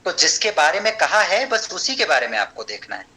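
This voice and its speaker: A man teaching an online Sanskrit class, explaining step by step, checking understanding and chanting verses slowly. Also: high-pitched, very animated, sharp tone, low-quality recording.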